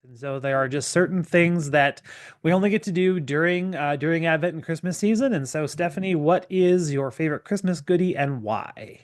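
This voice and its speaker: A man hosting a casual church podcast panel, asking questions and chiming in with quick affirmations. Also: fairly high pitch. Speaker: podcast host.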